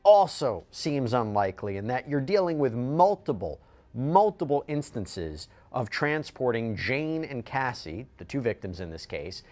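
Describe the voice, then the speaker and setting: A man hosting a legal news show, explaining court procedure in a measured way to a co-host. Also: medium pitch, big pitch swings, darkish tone. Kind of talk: legal analysis chat.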